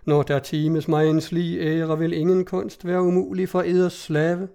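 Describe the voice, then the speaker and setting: A servile hunchbacked jester full of flowery praise for his masters, as a male storyteller reads him. The voice sits fairly high but sounds mellow and soft-edged. He bows and scrapes through every line. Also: creaky, clean tone. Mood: fawning. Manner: grovelling, ornate flattery.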